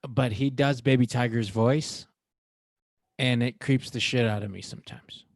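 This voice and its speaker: A man's voice: mid-range voice, fairly even intonation, measured pace, no echo, clean studio sound. A man in his thirties co-hosting a podcast from home, joking and swearing casually. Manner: loose, joking, swearing, puts on silly voices. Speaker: podcast co-host. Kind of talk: casual chat.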